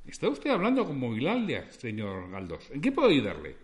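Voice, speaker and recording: A man's voice: medium pitch, huge pitch swings, a little fast. A man doing a courteous call-centre operator. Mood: polite. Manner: courteous, formal, reassuring. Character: polite, composed male call-centre operator.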